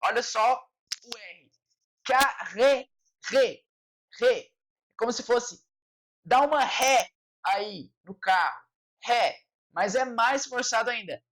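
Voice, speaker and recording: A Brazilian woman teaching a French lesson online, explaining patiently and ending nearly every point with a quick "tá?". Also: on the high side, fairly bright tone, poor audio. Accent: Brazilian Portuguese.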